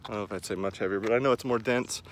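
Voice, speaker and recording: Male, 40s, low voice, casual rambling vlogger pacing outside, with ambient noise behind him. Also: very fast. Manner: rambling, self-deprecating, talking while pacing around. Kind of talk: casual running vlog chat to camera. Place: outdoors in a park by a lake. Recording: clear outdoor ambient noise.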